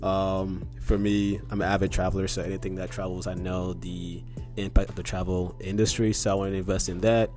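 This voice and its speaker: A man's voice: low voice, brisk, soft background music. A man co-hosting a podcast, chatting casually about money and investing, with lots of "um" and "like". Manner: relaxed, filler-heavy talk about investing. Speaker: podcast co-host.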